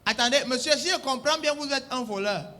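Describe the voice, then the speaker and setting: Very high, bright-voiced comic man. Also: fairly quick. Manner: bossy, scolding and animated, with mock-official phrasing. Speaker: comedian. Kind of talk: comic one-sided phone-call sketch.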